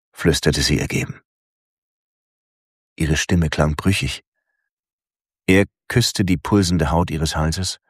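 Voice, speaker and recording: Very deep, slow male narrator. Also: no echo, studio quality. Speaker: audiobook narrator. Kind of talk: scripted narration.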